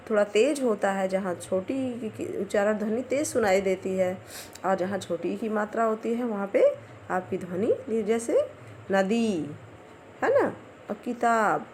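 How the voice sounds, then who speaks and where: A woman teacher giving a Hindi spelling lesson to first graders, slowly reading words and sentences aloud for the children to repeat. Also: medium pitch, a little mellow, a little hiss or hum. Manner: slow, clear, drills words aloud one by one. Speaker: primary school teacher.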